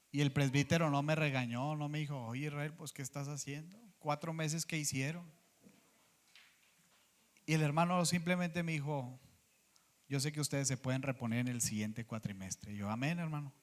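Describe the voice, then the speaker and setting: A man preaching a sermon as pastor, earnest, often acting out what people said to him. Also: on the high side. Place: church sanctuary.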